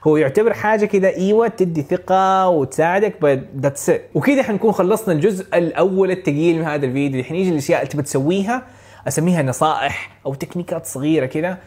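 A man from Saudi Arabia with a Hejazi Arabic accent, coaching learners for an English speaking exam in an energetic, casual way. He chuckles often and slips English words and phrases into his Arabic. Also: a little high, very fast. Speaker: IELTS speaking tutor. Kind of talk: casual instructional talk to camera.

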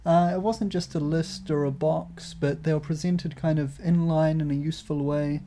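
An upbeat New Zealand woman co-hosts a casual podcast, laughing easily between points. Her voice is very low for a woman and soft and mellow in tone. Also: fairly even intonation, normal speed, a little hiss or hum. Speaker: podcast co-host. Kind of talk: casual review chat.

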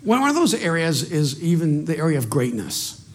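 Here a middle-aged Salvadoran man, Spanish his first language, preaches as a pastor in an animated, self-deprecating style, frequently circling back and repeating words. His pitch is fairly high and his pace moderate.

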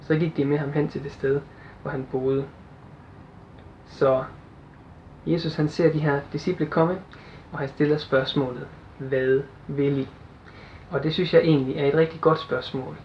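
An earnest young man preaches and reads scripture, pausing and restarting his thoughts as he goes. His voice sits a little high and stays flat in pitch. The recording sounds dull and lo-fi, with a faint noise behind it. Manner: earnest, halting with fillers and restarts. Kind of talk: sermon with Bible reading.

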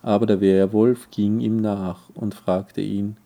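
A man narrates an old fairy tale in a storybook reading. His voice sits low and sounds very dark and mellow. He takes his time, reading in a measured, deliberate way. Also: little pitch movement, gravelly. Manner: measured, deliberate reading with occasional self-corrections. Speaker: audiobook reader.

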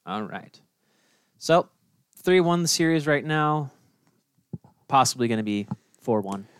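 Chill guy on a hockey podcast, smooth clear voice, teasing, dry sound. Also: mid-range voice, expressive, a little slow, dry recording. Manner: laid-back, teasing, reads game recaps. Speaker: podcast co-host. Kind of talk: casual hockey chat.

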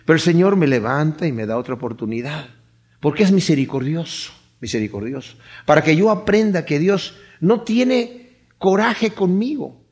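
A middle-aged man preaching a sermon, lively and acting out the voices he quotes. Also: sits high. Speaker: pastor.

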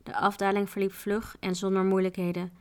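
A woman's voice: medium pitch, level tone, a little fast, a little mellow, clear, resonant tone. Woman reading a children's book aloud.

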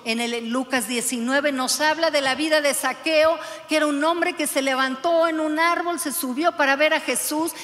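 Fervent high-voiced woman pastor preaching. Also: fairly even intonation, normal speed, few pauses, a bit bright, long reverb tail. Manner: fervent, urging the congregation with direct questions. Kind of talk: sermon.

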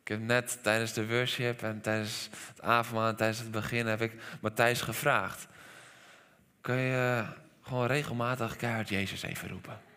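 A Dutch pastor preaches with a bright, forward voice that rings out in a church hall with a long reverb. He is animated, sinks to near-whispered lines, then bursts into a shout. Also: fairly low pitch, moderate pace, clear, resonant tone. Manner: animated preaching, soft drops to quiet lines, sudden shouts. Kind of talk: sermon.

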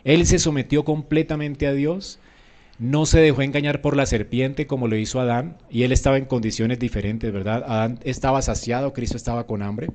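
A man's voice: steady tone, normal speed, a little mellow. A man preaching a sermon in an emphatic way, often checking with his listeners and acting out quoted voices. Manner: emphatic, often asks "¿verdad?"; acts out quoted voices with rising pitch.

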